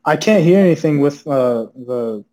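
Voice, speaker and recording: A man's voice: fairly high pitch, animated, moderate pace, warm tone. A young man joining a podcast as a guest over a call on earbuds, hesitant and full of questions. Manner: hesitant, asks lots of questions. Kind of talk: casual chat.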